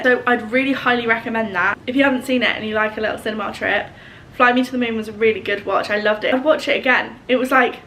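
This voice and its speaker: A young woman talks to her vlog camera in a loose, rambling way, her voice pitched a touch high and a little woozy from being unwell. A faint hiss of background noise sits under her chatter. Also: sharp tone. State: a little woozy after illness. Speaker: vlogger. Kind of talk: casual vlog chat.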